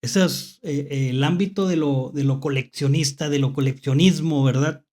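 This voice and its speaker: A horror story host with a Mexican accent tells spooky tales off the cuff, in a mid-range, darkish voice at a moderate pace. He hesitates and repeats phrases, checking in with listeners through rhetorical questions.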